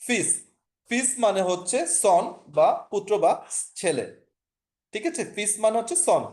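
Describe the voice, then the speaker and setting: A man's voice: high-pitched, expressive, measured pace, darkish tone. A man with a Bangladeshi Bengali accent, teaching an online language class over a video call, explaining patiently, repeating points and often checking that students follow.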